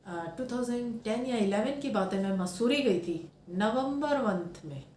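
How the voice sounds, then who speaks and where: A woman's voice: a little high, animated, a little slow, darkish tone, roomy sound. Woman, 30s, spiritual speaker, earnest reflective talk, English phrases mixed in, faint room hum behind.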